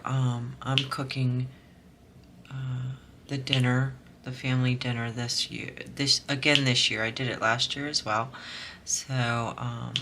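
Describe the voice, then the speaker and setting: Softly rambling woman, slightly hoarse. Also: rumbling low, a little hiss or hum. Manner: soft-spoken and rambling, with many fillers and restarts. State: slightly hoarse, scratchy throat. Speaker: diamond painting vlogger. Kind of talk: casual chat while crafting.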